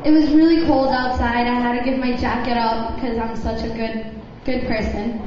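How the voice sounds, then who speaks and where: A woman's voice: on the high side, level tone, moderate pace, a crowd in the background. A woman giving an informal, earnest youth group talk, repeating phrases for emphasis and putting questions to her listeners. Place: large reverberant room with a live group. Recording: echoey hall, muffled, noisy background.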